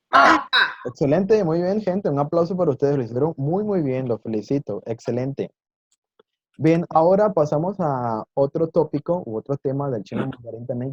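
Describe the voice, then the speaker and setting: A man's voice: medium pitch, lively intonation, normal speed, mellow, husky, no room sound, lo-fi sound. A man teaching an online Mandarin lesson in Spanish, patiently explaining and demonstrating tones with exaggerated intonation and encouraging his students.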